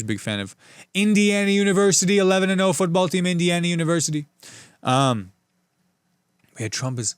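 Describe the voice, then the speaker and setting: Smooth-voiced man riffing solo on the news. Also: medium pitch, no room sound, studio quality. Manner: sarcastic, rambling, jokey asides. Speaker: podcast host. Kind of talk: solo comedic news commentary.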